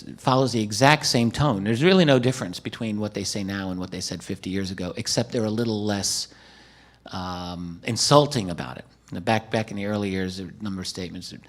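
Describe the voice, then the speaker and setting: Emphatic low-voiced man testifying. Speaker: witness testifying at a hearing. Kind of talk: prepared testimony with some ad-libbing. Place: conference room podium.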